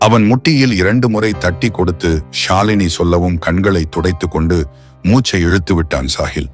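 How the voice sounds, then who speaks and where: A man reading a romance novel aloud as its narrator, with a measured storytelling delivery. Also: deep voice. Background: faint music.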